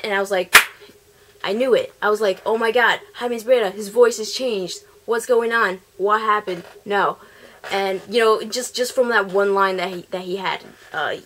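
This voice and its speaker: A woman's voice: medium pitch, fairly bright tone, a little hiss or hum. Chatty woman rambling on her vlog. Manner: chatty, rambling, often restarting words. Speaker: vlogger. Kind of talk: casual vlog commentary.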